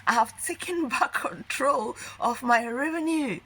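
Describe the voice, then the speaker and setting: A woman's voice: high voice, unhurried, sharp tone, a little hiss or hum. A woman from Ghana giving an earnest, persuasive testimonial as a nurse turned online business promoter. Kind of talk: scripted testimonial. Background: background music.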